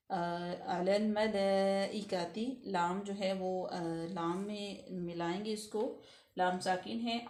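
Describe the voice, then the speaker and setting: A woman teaching Quran recitation rules step by step, patiently explaining each letter and then reciting the words slowly. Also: mid-range voice, darkish tone, reverberant. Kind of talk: step-by-step tajweed lesson.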